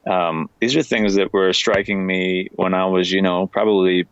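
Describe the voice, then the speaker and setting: A very deep-voiced American man talks in an easy, thoughtful way, circling back and restarting his sentences. The sound is dry and a bit muffled, with no room around it. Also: normal speed, clean tone, no echo. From United States. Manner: relaxed, thoughtful, trailing restarts. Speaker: leatherworker, guest. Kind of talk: casual conversation.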